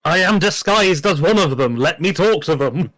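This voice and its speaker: A man's voice: on the high side, lively intonation, normal speed, fairly bright tone, dry recording. A man chatting casually as a player in a tabletop game. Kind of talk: casual chat.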